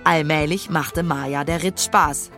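A woman narrating a children's storybook in an expressive storytelling manner. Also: deep voice, measured pace, soft background music. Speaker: audiobook narrator.

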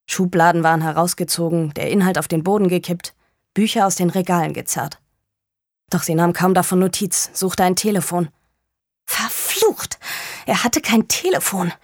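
Woman, audiobook narrator, low voice, measured, grave, dry close sound. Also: a little mellow, no room sound. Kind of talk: scripted narration of a crime novel.

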